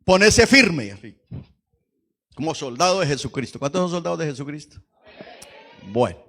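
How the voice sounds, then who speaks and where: A man preaching a lively Pentecostal sermon in church, swinging from hushed asides to shouts and quizzing the congregation. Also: a little high, normal speed. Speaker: pastor.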